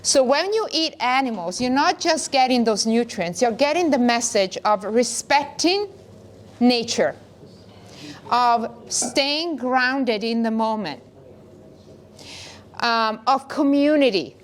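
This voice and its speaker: A woman's voice: on the high side, expressive, takes it slowly. A middle-aged woman from northern Italy, talking earnestly in long flowing phrases as a wellness co-host. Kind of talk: casual conversation.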